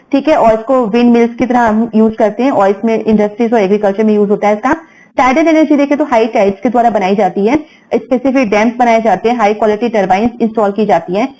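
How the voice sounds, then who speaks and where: A woman's voice: on the high side, dark tone, rough recording. A young woman teaching an exam-focused lesson, explaining step by step with English terms mixed into Hindi and frequent check-ins with her students.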